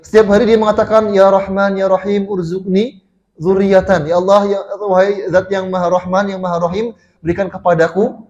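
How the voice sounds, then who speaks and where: A man's voice: high voice, darkish tone, lo-fi sound. An Indonesian man giving a mosque sermon, telling stories with frequent restarts and fillers to the congregation. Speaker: preacher.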